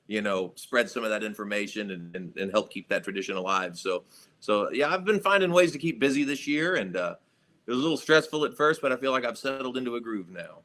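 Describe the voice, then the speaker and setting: Bright-voiced man chatting about music. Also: medium pitch. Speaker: guest musician. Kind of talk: casual interview chat.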